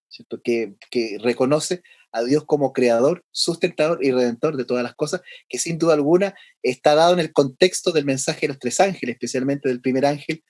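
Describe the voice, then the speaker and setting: A male pastor giving a conversational Bible lesson, often pausing for tag questions and restarting his sentences. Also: mid-range voice, darkish tone, breathy edge, no room sound. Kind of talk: sermon.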